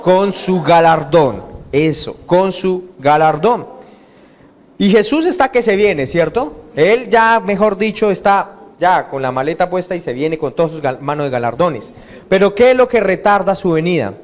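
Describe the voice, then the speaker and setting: High-voiced pastor quizzing his flock. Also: animated, moderate pace. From Colombia. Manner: asks the congregation questions and has them repeat answers. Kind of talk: interactive sermon. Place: church hall.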